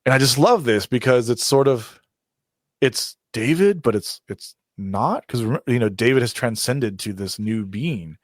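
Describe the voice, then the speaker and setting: A man hosting a podcast, retelling film scenes in an animated, casual way, with many ums and you-knows. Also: mid-range voice, measured pace, no echo, clean studio sound. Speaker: podcast host.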